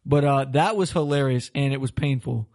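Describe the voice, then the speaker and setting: A man's voice: medium pitch, fairly quick. A young man from Florida hosting a casual chat, telling a rambling story full of swearing and laughter. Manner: rambling, laughing, swears a lot, animated retelling. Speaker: podcast host.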